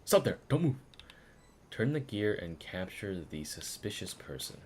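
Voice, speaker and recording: Low-voiced rambling game streamer. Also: male voice, sing-song, unhurried, a little hiss or hum. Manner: rambling, filler-heavy, swears and laughs. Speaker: streamer playing a video game. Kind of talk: casual live commentary.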